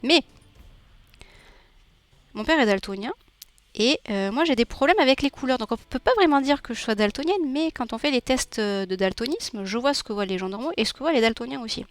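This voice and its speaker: A woman's voice: a little high, animated, fairly quick. A young woman with a southern French accent from Nîmes, chatting casually with her viewers while drawing on a live stream, laughing often. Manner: chatty, warm, laughs often, reads chat aloud. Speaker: streamer and illustrator.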